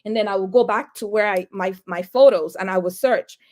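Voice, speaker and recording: Animated woman telling her story. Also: mid-range voice, fairly quick. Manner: animated, acts out quoted dialogue. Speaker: real estate agent. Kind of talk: storytelling in an interview.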